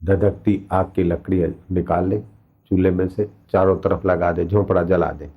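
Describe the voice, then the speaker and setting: A man voicing an elderly male guru who tests his disciple, calling out in hurried, pleading cries. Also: low-pitched, fairly even intonation, slightly rough. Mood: commanding. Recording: dull lo-fi recording.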